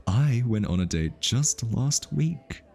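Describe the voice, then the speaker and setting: Here the smitten hitman of the ASMR roleplay speaks in a mid-range, sing-song voice that is creaky and a bit dark, slow and exaggerated. The male actor keeps him teasing yet defensive, tripping over words and backpedaling whenever he's flustered.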